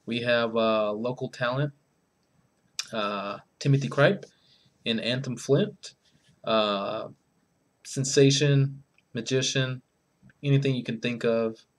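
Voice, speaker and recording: A man's voice: mid-range voice, steady tone, slow pace, long pauses. A man hosting the show and introducing an act in a rambling way, with many filler words. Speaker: show host. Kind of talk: casual spoken introduction.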